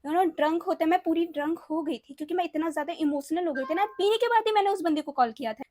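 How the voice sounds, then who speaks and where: Very high-voiced young woman telling a story. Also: darkish tone, no echo, studio quality. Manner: chatty, mixes English phrases into Hindi; repeats words, often checks in with the listener. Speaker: storytime vlogger. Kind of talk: casual storytime monologue.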